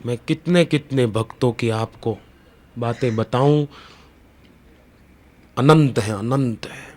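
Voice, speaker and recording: A middle-aged man delivers a devotional discourse at an unhurried pace. He moves between plain storytelling and slow, drawn-out chanting of sacred verses. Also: mid-range voice. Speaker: spiritual preacher.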